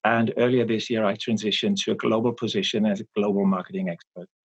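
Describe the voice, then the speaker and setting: A man in his forties, from Austria, answering interview questions about his marketing work in a measured, explanatory way with frequent pauses. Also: on the low side, steady tone, husky, lo-fi sound. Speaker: guest, marketing expert. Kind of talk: interview conversation.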